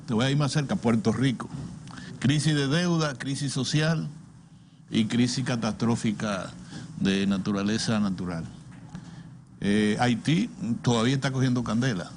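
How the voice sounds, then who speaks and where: A man's voice: mid-range voice, normal speed, slight background noise. An older man with a Dominican Caribbean Spanish accent giving opinionated political commentary, repeating words and asking rhetorical questions. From Dominican Republic. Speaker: political commentator on a talk show.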